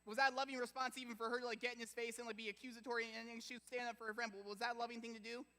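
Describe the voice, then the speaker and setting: A man preaching to a middle-school youth group, animated and chatty, telling stories and quizzing the audience. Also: very high-pitched, very fast. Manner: animated, chatty, full of fillers and audience questions. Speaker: youth pastor. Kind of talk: youth group sermon storytelling. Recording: echoey hall.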